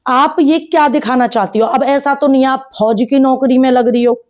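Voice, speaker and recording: Female vlogger, high voice, indignant commentary full of rhetorical jabs. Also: fairly even intonation, moderate pace, darkish tone. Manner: scolding, rhetorical questions, addresses viewers as "mere babu". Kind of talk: ranting commentary vlog.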